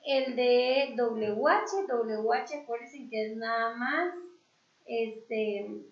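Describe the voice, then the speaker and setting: Woman teacher, slow, patient explanations with fillers, gravelly, echoey lo-fi sound. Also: a little high. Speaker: English teacher. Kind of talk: online class review.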